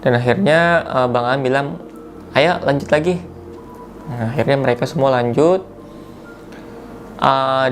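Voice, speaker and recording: A man casually retells a listener's mountain horror story as host, talking loosely with slang fillers and self-corrections. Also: medium pitch.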